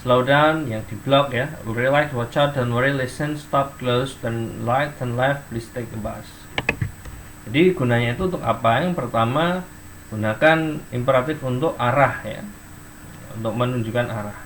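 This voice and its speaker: A man's voice: mid-range voice, unhurried, a bit bright, a little hiss or hum. A man teaching English in an online class, explaining step by step and reading example sentences and dictionary entries aloud.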